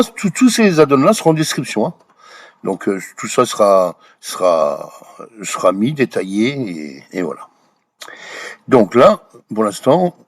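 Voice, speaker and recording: A man walking viewers through software settings in a screen-recorded tutorial, hesitant, full of fillers and restarts, often checking in with the viewer. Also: on the low side. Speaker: Blender tutorial creator.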